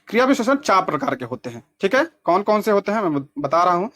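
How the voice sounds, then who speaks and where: A man's voice: high voice, sing-song, quick pace, a bit bright. A man teaching as an exam coaching teacher, explaining practice questions step by step and repeating key terms to check that they sink in.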